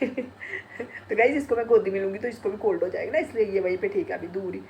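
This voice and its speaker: A woman's voice: mid-range voice, fairly quick, creaky, darkish tone. Middle-aged woman vlogger, blocked-nose cold voice, chatty and laughing, faint hiss behind. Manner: chatty, laughing often, retelling family talk. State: congested and sore-throated from a cold. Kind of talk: casual chat to camera.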